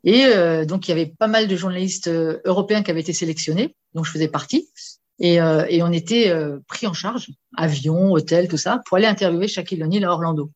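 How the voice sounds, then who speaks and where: A woman, a sports journalist, telling an anecdote in casual conversation, animated, with many fillers and repeated words. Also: lowish voice, fast talker, muffled recording. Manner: lively storyteller with many fillers and repetitions.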